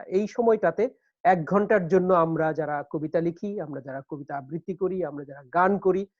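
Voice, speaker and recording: A middle-aged male host on a video call, explaining poetic meter in a measured, teacherly way with many hesitations and syllable-by-syllable spelling. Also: on the high side, a little mellow, dry recording. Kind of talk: explaining poetic meter on a live online show. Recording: dull, dry online call audio.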